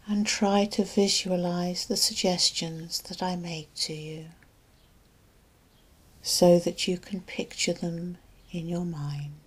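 Soft, breathy and soothing, a woman hypnotherapist's fairly low voice barely shifts in pitch as she narrates a guided sleep and relaxation hypnosis. She takes her time, pausing at length between phrases.

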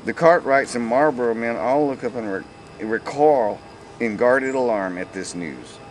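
A man's voice: mid-range voice, animated, a little slow, a little hiss or hum. A man reading aloud the stage directions of a comic musical script, casually and with amusement. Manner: amused, stumbles and laughs. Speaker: script reader.

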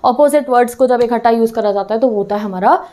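Speaking fast, a female teacher explains lessons in a warm, mellow, fairly high voice, dropping in English words as she goes. She constantly asks the class questions and checks in with "theek hai" to make sure everyone is keeping up.

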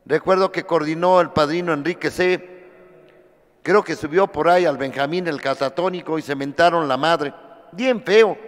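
Man with a Mexican accent telling his story. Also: high-pitched. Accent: Mexican Spanish. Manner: vivid, profane storytelling with rhetorical questions. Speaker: AA speaker sharing testimony. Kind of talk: testimony talk at a meeting. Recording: long hall reverb.

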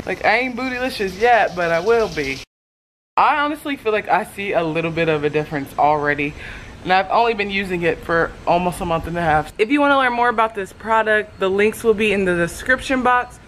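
Chatty, bright-voiced young woman vlogger. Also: mid-range voice, fairly quick, faint music behind, low-quality recording. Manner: chatty and slangy, addressing viewers directly. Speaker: vlogger reviewing a fitness product. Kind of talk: casual product-review vlog.

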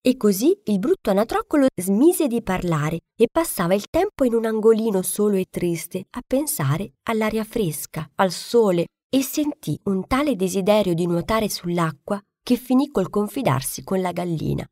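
A woman from Italy reading a children's fairy tale aloud in a gentle, expressive storytelling manner. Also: medium pitch, moderate pace, few pauses, no room sound, clean studio sound.

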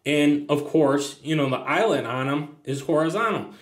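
Man, casual lure demo, slightly high voice, rambling with ums, echoey indoor room. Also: moderate pace. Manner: rambling, lots of ums and restarts. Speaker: fishing channel host. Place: indoors at a tabletop, hands on camera.

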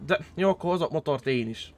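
Excitable young man swearing at a game. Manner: excitable, swears a lot, jumps to high squeals. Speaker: streamer playing a role-play game. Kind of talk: casual gaming chat with friends.

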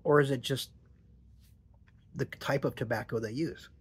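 A man's voice: medium pitch, steady tone, a little slow, slightly rough. A middle-aged man chatting casually in a vlog, musing and hesitant, with dry jokes. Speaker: tobacco reviewer.

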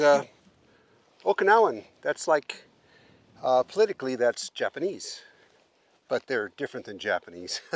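A man in his sixties explains a historic site while walking outdoors, talking casually with many fillers, filming himself at arm's length. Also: medium pitch. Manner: relaxed, halting with fillers. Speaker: travel vlogger. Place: open prairie outdoors. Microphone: camera held at arm's length.

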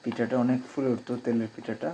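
Man, Sylheti Bengali accent, hushed cooking vlog, cracking voice, flat delivery, faint room hiss. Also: medium pitch, fast talker, highs cut off. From Bangladesh. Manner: speaks softly, hushed at night. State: voice cracking from a cold. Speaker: cooking vlogger. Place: home kitchen abroad.

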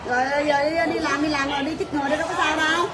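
High-voiced shop owner. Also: female voice, level tone, over a noisy crowd, very noisy. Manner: rapid, blunt teasing banter with staff, laughing often. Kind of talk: livestream sales chat.

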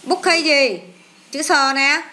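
A woman's voice: high voice, extremely slow, sharp tone, slight background noise. A woman teacher, going through an English test with a child, asking questions and answering them herself.

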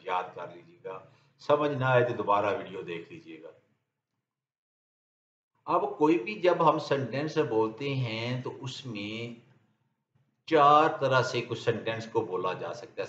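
A man with a Pakistani Urdu accent teaching English grammar in a lecture, reading his example sentences very slowly and deliberately. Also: mid-range voice. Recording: dull, roomy lecture recording.

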